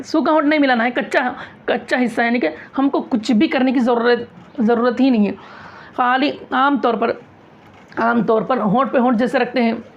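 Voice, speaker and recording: The recording is muffled as a woman with a fairly high voice leads a recitation class on tajweed. Her style is repetitive and drilling; she repeats each point and poses questions only to answer them herself.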